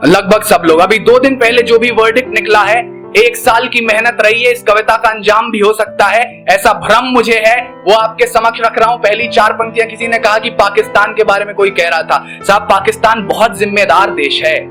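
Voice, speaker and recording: A male poet declaiming patriotic verse live on stage before an audience, impassioned and shouting his lines. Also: high voice, fairly even intonation, a little fast, faint music behind. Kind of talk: live stage poetry recital.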